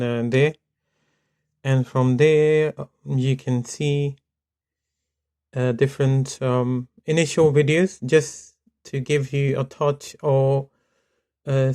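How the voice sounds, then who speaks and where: Slow, rambling male tech instructor. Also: medium pitch. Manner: relaxed, rambling, many fillers. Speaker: networking instructor. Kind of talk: casual video lesson. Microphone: webcam mic, no headphones.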